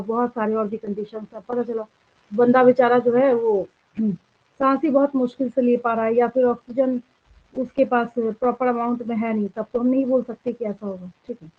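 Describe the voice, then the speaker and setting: A fairly high-voiced woman with an Indian accent lectures a class on biology, switching between Hindi and English. She puts questions to the students and answers them herself. The sound is thin and tinny, like a phone line. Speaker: biology teacher.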